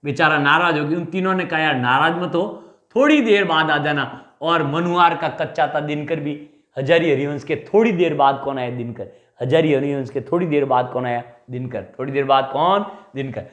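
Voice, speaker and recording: A man teaching a Hindi exam class, drilling memory tricks with animated repeated questions and answers. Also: a little high, normal speed, roomy sound. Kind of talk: mnemonic lecture.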